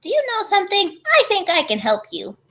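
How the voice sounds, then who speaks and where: A woman's voice: extremely high pitch, huge pitch swings, brisk, fairly bright tone, lo-fi sound, voice pushed up, full character voice. A woman voicing a tiny, cheerful, sly leprechaun man in a storybook tale, with a coaxing Irish lilt. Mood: sympathetic, sly.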